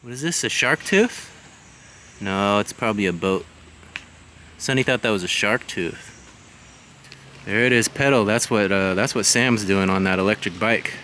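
With a voice on the low side, a vlogger in his forties talks at a moderate pace, leaving long pauses, while walking outdoors by the water. The handheld camera microphone recording is windy and loud with outdoor background noise.

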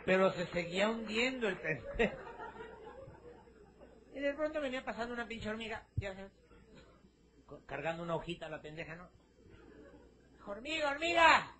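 A man's voice: high voice, animated, brisk, pauses often, background noise. A man with a Mexican accent telling a crude, slangy joke with casual asides. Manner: profane slangy storytelling with asides. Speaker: joke teller.

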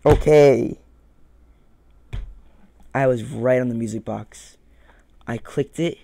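A young man hosts a gaming video from an indoor room at home, giving casual commentary while nervously muttering and repeating his words over and over. His voice is medium-pitched, slow, and warm, with vocal fry.

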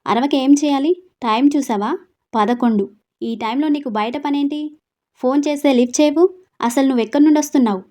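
An angry middle-aged mother grills her daughter in sharp, demanding bursts, voiced by a woman reading aloud. Her voice sits fairly high. Storybook drama. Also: normal speed, pauses often, natural voice.

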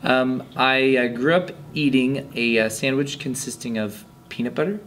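A man in his thirties, an English teacher, answering interview questions in a relaxed, halting way in a classroom. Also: mid-range voice, a little hiss or hum. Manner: relaxed, halting, many fillers. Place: classroom, indoors. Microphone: handheld mic held by interviewer.

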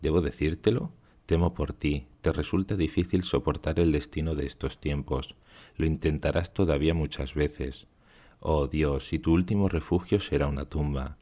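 A man voicing a wise, gentle young woman in an audiobook, reading in a solemn, measured way. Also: extremely low pitch, fairly even intonation. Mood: earnest.

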